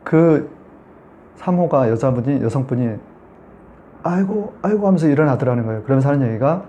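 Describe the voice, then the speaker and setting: A man's voice: mid-range voice, fast, warm tone, dull audio, a little hiss or hum. A man giving a Sunday sermon as pastor, telling a story and talking to the congregation in a conversational way.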